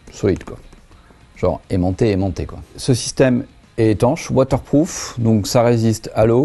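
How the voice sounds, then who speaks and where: A host who reviews motorcycle gear talks in a mellow, medium-pitched voice. His review is casual and chatty, with explanations given in colloquial language.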